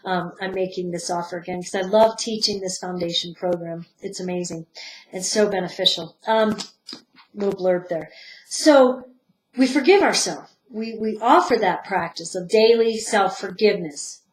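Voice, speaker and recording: A woman giving a spiritual teaching talk, guiding her listeners softly, her voice swelling and then dropping to a hush. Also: medium pitch, normal speed, slight background noise. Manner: soft-spoken guidance that swells and drops to a hush. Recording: roomy echo.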